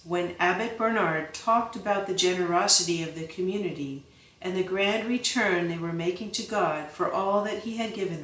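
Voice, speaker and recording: Woman reading an audiobook, slow and even, bit far off the mic in an echoey room. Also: on the low side. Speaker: audiobook narrator. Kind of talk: scripted audiobook narration. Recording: roomy, voice set back from the mic.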